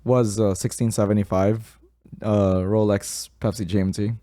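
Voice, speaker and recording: A man from the Philippines hosting a podcast, chatting casually in an excitable way, with frequent swearing and laughter. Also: lowish voice, normal speed, dry recording. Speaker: podcast host.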